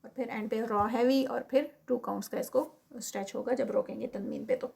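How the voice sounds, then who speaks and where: A recitation teacher with a Pakistani Urdu accent and a slightly high voice. She chants each word slowly and stretches the vowels, then drops into quick, quiet explanation. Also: steady tone, vocal fry, slightly rough. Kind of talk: tajweed lesson, explaining and reciting.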